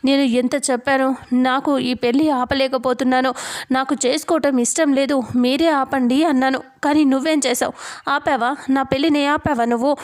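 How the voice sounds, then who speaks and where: A woman's voice: sits high, steady tone, moderate pace, natural voice. A woman reading out the lines of an angry young husband who feels betrayed, in her own plain voice. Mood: accusing.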